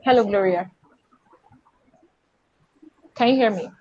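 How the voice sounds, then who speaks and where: A woman's voice: medium pitch, slow, dark tone, muffled recording, slight background noise. A woman hosting an online panel over a video call, circling back and restarting her questions. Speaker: panel host.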